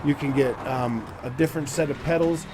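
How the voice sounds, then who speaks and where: Speaking fairly quickly at a medium pitch, a man in his forties rambles casually with lots of fillers as he plays a racing game for his channel. Engine sounds and other noise crowd the background.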